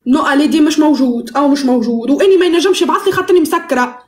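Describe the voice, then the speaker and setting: A woman's voice: high voice, racing, roomy sound. A woman with a Tunisian accent chatting playfully on a live stream while baking, teasing and slipping into broken English.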